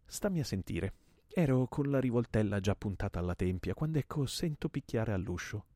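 A man's voice: lowish voice, lively intonation, a little fast, dark tone, no echo, studio quality, pitched above the performer's own voice. A man reading a play aloud and voicing a desperate, grim man bent on murder, with an intense, menacing delivery.

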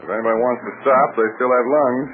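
An actor playing a wisecracking American adventurer and leader in a 1940s radio serial, slangy and breezy, with an American accent. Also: male voice, mid-range voice, steady tone, fast, lightly acted. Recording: tinny, noisy 1940s radio recording.

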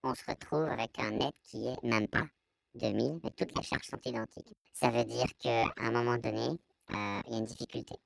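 Belgian french guy doing anonymous testimony, voice shifted deep, really crackly, super dry recording. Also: fairly even intonation, normal speed, creaky, no room sound. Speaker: anonymous interviewee giving testimony. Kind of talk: personal testimony in an interview.

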